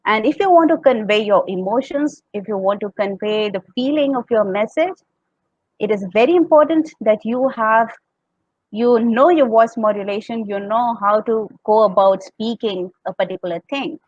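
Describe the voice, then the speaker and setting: A woman's voice: fairly high pitch, moderate pace, no echo, highs cut off. A woman with an Indian accent, teaching a talk on public speaking. She explains step by step and acts out tones as examples. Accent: Indian English. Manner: explains step by step, demonstrates tones and laughs often.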